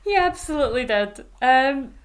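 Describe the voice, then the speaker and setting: A woman's voice: high-pitched, animated, normal speed. A young woman with a Scottish accent chatting casually and informally as a podcast co-host, with some sweary banter. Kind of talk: casual chat about anime.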